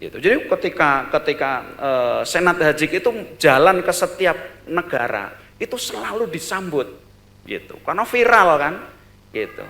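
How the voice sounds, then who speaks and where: A man speaking at a business seminar, telling a story in a lively way: he repeats words, tags his phrases with short fillers, and lets his voice swell loud and then drop soft. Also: mid-range voice.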